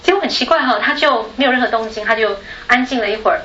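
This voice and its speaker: Her voice is a little high and quick, carrying a Taiwanese Mandarin accent; she's a woman from Taiwan sharing a personal story as a panel speaker. Chatty and prone to laughter, she tags sentences with a soft particle, captured in an echoey room with dull sound and slight background noise.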